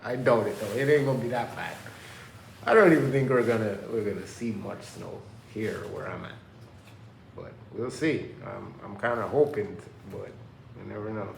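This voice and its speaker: A man's voice: on the low side, moderate pace, creaky, a little hiss or hum. A man from Jamaica talking casually to camera in a loose, rambling way, from an indoor workplace under renovation. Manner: loose, rambling, preachy self-motivation talk. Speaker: vlogger. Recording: echoey room with faint ambience.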